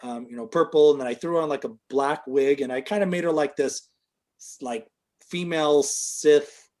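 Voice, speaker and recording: A middle-aged man with a slightly high, darkish voice tells a long, casual story at a moderate pace as an interview guest. He uses plenty of fillers and gets livelier whenever he quotes other people.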